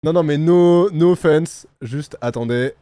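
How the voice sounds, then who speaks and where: Young French-accented male streamer, lively reactions, fairly high, dry close sound, light music under. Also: unhurried, no echo. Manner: excitable, exclamatory, laughs often. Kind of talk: live reaction commentary.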